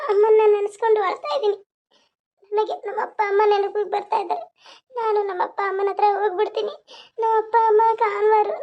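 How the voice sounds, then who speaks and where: A woman's voice: very high voice, dull audio, voice pushed up. A woman voicing a young elder sister in a cartoon, sobbing and pleading as she grieves her parents. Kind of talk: cartoon voice acting.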